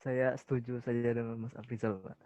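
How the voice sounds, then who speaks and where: A young man, a student in an online class, giving brief polite answers in a quiet, hesitant way over faint, choppy video-call audio from a bad connection. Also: mid-range voice, flat delivery, fairly quick. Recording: dull, distant video-call line.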